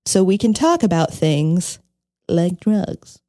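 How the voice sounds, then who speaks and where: A woman's voice: fairly low pitch, very animated, slow, mellow, no echo, studio quality. A young woman co-hosting a podcast in casual chat, bubbly and giggly, filling her talk with "like". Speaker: podcast co-host.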